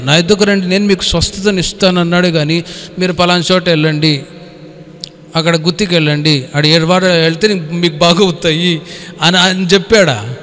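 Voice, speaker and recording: A pastor leads a Bible study, exhorting his listeners in everyday language full of rhetorical questions and sprinkled with English words. His voice sits high and sounds a little bright. The recording carries the long reverb of an echoey hall.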